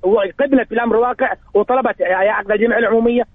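A man's voice: very high-pitched, fairly even intonation, rapid-fire, no echo. A man calling in to a radio sports show over the phone, arguing his point with stumbling restarts and repeated words. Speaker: radio call-in caller. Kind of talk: call-in sports debate. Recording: tinny phone line, dry.

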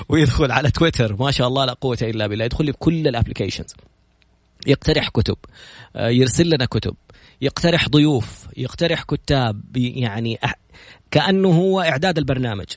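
Fast-talking male podcast host. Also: medium pitch, no room sound. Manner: opens with recited prayers, then brisk storytelling; lively and chatty, jokes with the guest. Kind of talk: casual talk show introducing a guest.

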